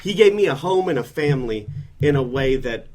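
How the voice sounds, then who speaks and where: A man's voice: mid-range voice, animated, brisk, darkish tone, a little hiss or hum. A man co-hosting a wrestling podcast, talking earnestly and asking questions with dry sarcasm. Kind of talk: podcast interview.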